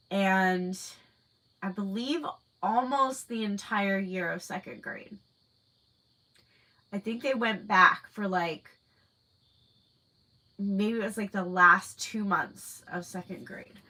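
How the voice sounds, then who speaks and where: She speaks slowly and pauses often, her medium-pitched voice carrying a sharp tone on a rough recording. This woman in her thirties has a stuffy nose from a cold and rambles chattily on her livestream, answering viewers with many fillers.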